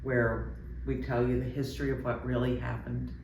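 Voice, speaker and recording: A man telling stories and explaining things conversationally in an interview, with hesitant pauses. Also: medium pitch, little pitch movement, creaky. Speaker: ghost tour company representative and guide trainer. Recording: roomy, distant mic, faint background noise.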